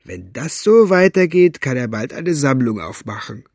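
A man's voice: mid-range voice, very animated, moderate pace, a little mellow, no echo, studio quality, voice pushed up. A man voicing a coarse, smug male henchman who mocks and gloats. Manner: gloating, sneering, grunting.

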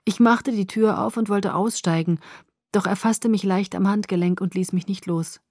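A woman narrating a first-person story in a calm, measured audiobook reading. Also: mid-range voice, no room sound, studio quality.

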